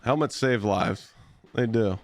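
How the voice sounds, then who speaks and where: A man streaming live, telling blunt, profane stories in a casual, animated way. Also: lowish voice, slow, no room sound. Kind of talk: casual storytelling while gaming.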